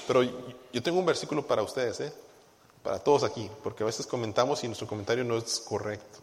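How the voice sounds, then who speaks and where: A pastor preaching to his congregation in a fairly high voice, swinging from quiet asides to loud bursts. He acts out short quoted voices as he goes. The sound rings with a long reverb of a church hall. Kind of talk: sermon.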